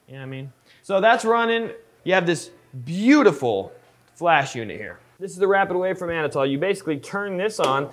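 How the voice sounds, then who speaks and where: Congested, nasal man, fairly high voice. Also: fairly bright tone. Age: 30s. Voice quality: congested, stuffed-up nasal sound, as if pinching his nose. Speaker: screen printing shop owner and vlogger. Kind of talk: casual vlog talk to camera. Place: indoors in a screen printing workshop.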